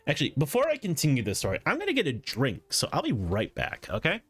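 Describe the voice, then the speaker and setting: A man's voice: on the high side, huge pitch swings, quick pace, fairly bright tone, breathy edge. A man giving casual gameplay commentary as a streamer, sometimes reading choices aloud. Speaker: game streamer. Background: game music.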